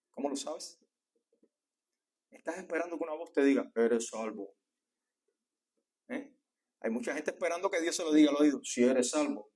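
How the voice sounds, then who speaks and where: Man, Cuban accent, pastor's sermon, husky voice, fairly high-pitched, rhetorical questions. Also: warm tone. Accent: Cuban Spanish. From Cuba. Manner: preaching with rhetorical questions, often asking "¿eh?". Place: church.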